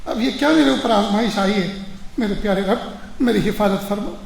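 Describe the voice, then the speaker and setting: A man's voice: high-pitched, gravelly, reverberant. A man voicing a pious young mother who pleads with God in a tearful prayer. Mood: pleading.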